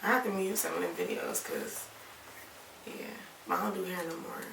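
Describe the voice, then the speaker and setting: A young woman from Alabama, raised in Ohio, chatting casually in an interview, relaxed and rambling with lots of "like". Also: lowish voice, moderate pace, gravelly, far from the mic, noisy background. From Alabama, raised in Toledo, Ohio. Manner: relaxed, rambling, many "like" fillers. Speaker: rapper and singer, interview guest. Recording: echoey room, voice off-mic.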